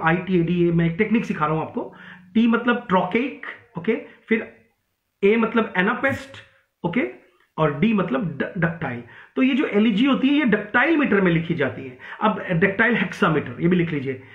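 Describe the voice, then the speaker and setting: A high-voiced male teacher lectures for exam preparation, his talk full of fillers and restarts. The sound is thin and phone-like, and the room adds a noticeable echo. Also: expressive, normal speed. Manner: mixes Hindi and English, many fillers and restarts. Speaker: English literature teacher. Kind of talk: online exam-prep lecture. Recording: tinny echoey room sound.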